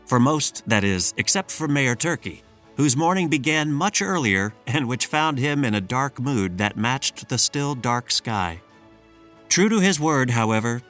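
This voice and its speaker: A man narrates a children's storybook with a lively, rising and falling voice of middling pitch. His reading is measured and expressive, with faint music under him. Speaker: storybook reader. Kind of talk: scripted narration.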